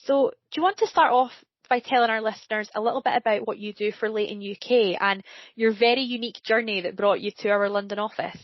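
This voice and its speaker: A woman hosts a podcast and welcomes her guest with friendly, easy questions. Her voice sits a little on the high side. The sound is dull and dry, with little room around it. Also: fast, no room sound. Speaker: podcast host. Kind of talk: casual interview hosting.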